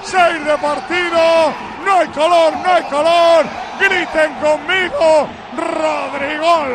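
Man, Spain accent, radio play-by-play, very high pitch, loud crowd and noise behind. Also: fairly even intonation. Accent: Spanish from Spain. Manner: shouting, rapid, repeats catchphrases. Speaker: radio football commentator. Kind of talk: excited live play-by-play commentary. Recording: noisy broadcast with crowd behind.

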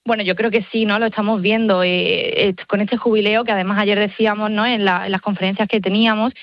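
Young woman, radio guest, quick, enthusiastic, dry, lo-fi sound. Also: medium pitch, fairly even intonation, no echo. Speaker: digital missionary guest. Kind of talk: phone-in radio interview. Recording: slightly dull lo-fi line.

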